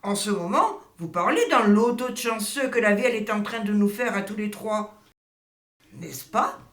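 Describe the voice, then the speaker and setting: Actress as deferential but outspoken older woman, stage comedy, medium pitch, roomy echo. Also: moderate pace, fairly bright tone, close to an everyday voice. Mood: exclaiming. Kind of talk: theatrical comedy acting. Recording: echoey room.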